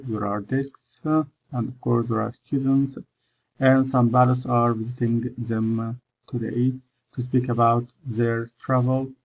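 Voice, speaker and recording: A male English teacher with an Egyptian accent works through slides at an even, unhurried pace and pauses often with "uh" between words. His voice is gravelly and a little husky. The recording is dull and lo-fi. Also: mid-range voice. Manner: explains in English and Egyptian Arabic by turns, with many "uh" pauses. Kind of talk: recorded lesson over slides.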